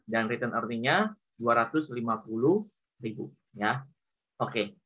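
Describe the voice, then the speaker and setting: An accounting lecturer with an Indonesian accent teaches informally, walking through worked problems step by step and often repeating points with little confirming tags. His mid-range voice is expressive and unhurried, with a breathy edge, and the sound has a phone-like quality.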